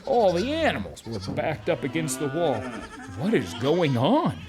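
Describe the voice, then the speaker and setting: A man playing a weary, aggrieved donkey who tells his journey for a children's audio drama, with deliberate dramatic pauses. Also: on the high side, huge pitch swings, over music. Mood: weary storytelling. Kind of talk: first-person children's audio drama narration. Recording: noisy, with animal and cricket ambience.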